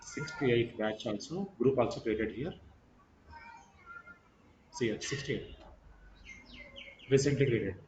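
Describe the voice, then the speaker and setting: A man's voice: medium pitch, slow pace, long pauses, darkish tone, slight background noise. A man giving an informal online lecture as a course trainer, repeating himself and checking in with "right" and "okay". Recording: roomy echo, slightly muffled sound.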